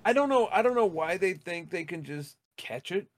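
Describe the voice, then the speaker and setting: Blunt high-voiced man ranting. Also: lively intonation, normal speed, dry recording. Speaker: podcast co-host. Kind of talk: casual podcast rant.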